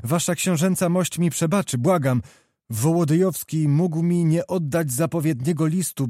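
A man's voice: mid-range voice, warm tone, dry recording, clean studio sound, close to an everyday voice. Man doing a fiery young nobleman. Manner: fervent, pleading, explosive. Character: hot-tempered young male nobleman, impetuous.

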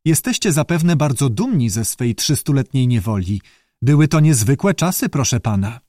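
A man's voice: mid-range voice, big pitch swings, moderate pace, dark tone, no room sound, studio quality. A man voicing a courteous, bookish male newt who speaks earnestly and formally in an audiobook. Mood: courteous, eager. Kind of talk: audiobook character voice.

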